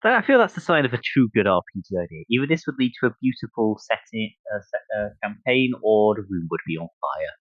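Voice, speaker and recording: A man hosting a podcast in casual chat, thinking aloud in a halting way. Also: fairly low pitch, sing-song, no room sound, dull audio. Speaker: podcast host.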